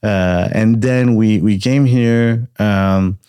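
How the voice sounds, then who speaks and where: A man's voice: on the low side, slow pace, dark tone, clean tone. A man from Peru raised in Montreal, a podcast guest telling his story with frequent hesitations in a casual chat. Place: car.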